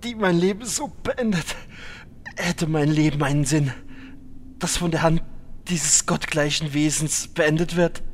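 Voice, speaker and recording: A man's voice: fairly high pitch, measured pace, close to an everyday voice. A man playing a melodramatic, fawning dying victim, overwrought and long-winded, in a fantasy comedy. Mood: theatrical agony. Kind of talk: scripted fantasy comedy dub. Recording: echoey hall, faint noise.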